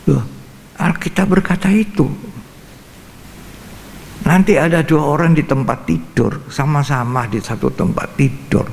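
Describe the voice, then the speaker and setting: A man's voice: on the high side, vocal fry, darkish tone. An older man preaching a Bible study sermon as pastor, emphatic and repetitive, acting out scenes, in a reverberant church hall.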